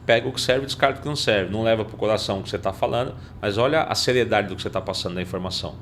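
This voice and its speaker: A man's voice: fairly low pitch, rapid-fire, fairly bright tone, a little hiss or hum. A man in a casual podcast conversation, giving earnest, reflective commentary.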